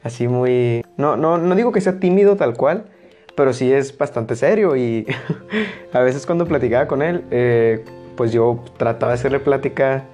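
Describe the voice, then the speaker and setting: Young Mexican guy, casual storyteller, blunt and loud, faint music underneath. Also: medium pitch, normal speed. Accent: Mexican Spanish. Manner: loud, blunt delivery that rises into shouting when excited.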